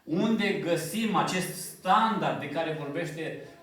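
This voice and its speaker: A man preaching a sermon in a church hall, building in pitch and force to stress points and slowing on key phrases. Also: fairly bright tone, distant mic. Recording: echoey church hall from off mic.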